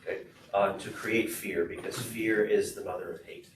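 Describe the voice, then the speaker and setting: A man interpreting a student's talk into English at a school board meeting, steady with frequent "uh". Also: fairly low pitch, a little slow. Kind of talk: consecutive interpreting. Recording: echoey room, far mic, noisy.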